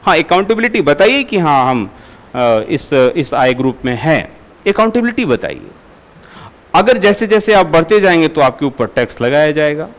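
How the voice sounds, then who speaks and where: A man's voice: a little high, lively intonation, normal speed. A man teaching a lecture class, asking students questions and explaining with everyday examples. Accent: Hindi. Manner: asks students questions and answers them; uses homely everyday examples.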